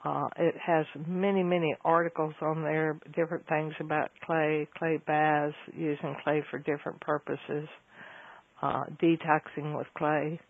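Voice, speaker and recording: A man's voice: a little high, flat delivery, unhurried, vocal fry, dry recording. A man explaining things at length on a phone call, rambling with fillers and correcting himself as he goes. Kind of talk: casual explanatory talk. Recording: tinny phone line.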